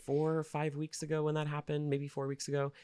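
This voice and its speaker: A man's voice: fairly high pitch, completely flat delivery, fairly quick, mellow, smooth, dry recording. A man co-hosting a podcast, chatting casually and telling stories from his week. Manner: chatty storyteller. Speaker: podcast co-host. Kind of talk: casual chat. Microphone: home computer recording setup.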